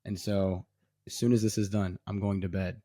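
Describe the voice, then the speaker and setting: A Maryland man in his twenties with an American accent, a minister appearing as a podcast guest, chats casually and often restarts his sentences. His low, mellow voice has a flat delivery at normal speed, recorded at studio quality with no echo.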